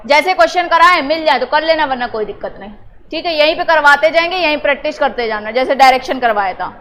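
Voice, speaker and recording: A woman teacher drilling a class on family words, teasing and prodding students to answer loudly. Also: high voice, animated, quick pace, a little hiss or hum. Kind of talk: classroom lesson.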